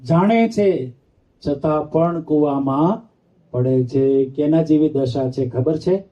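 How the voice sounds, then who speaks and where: Male monk with a lilt, high and mellow, telling teasing stories in a sermon. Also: slow. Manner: playful, acts out the characters, teases the audience. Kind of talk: storytelling sermon. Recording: dull lo-fi sound.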